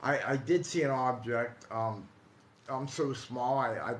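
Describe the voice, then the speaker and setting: An echoey recording captures a medium-pitched American man in his forties, from Ohio, who hosts a paranormal storytelling live stream. Speaking casually to viewers, he's halting and conversational and repeats himself, with light noise in the background.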